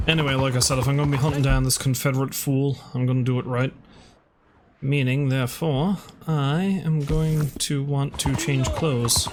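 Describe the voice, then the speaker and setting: A man's voice: medium pitch, level tone, normal speed, noisy background. A man giving casual let's play commentary on a video game, musing aloud with playful asides.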